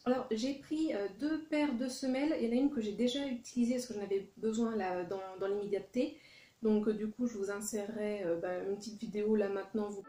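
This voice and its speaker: A woman's voice: mid-range voice, steady tone, brisk, dark tone. A woman chatting casually through a shopping haul, with many fillers and self-corrections. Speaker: vlogger. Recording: echoey room.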